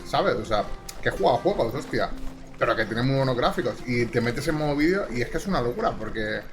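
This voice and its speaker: A young man with an accent from Spain, commenting on a game in a rambling, chatty, easily flustered way. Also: medium pitch. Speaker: gaming streamer. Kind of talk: casual live commentary. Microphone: close desk mic.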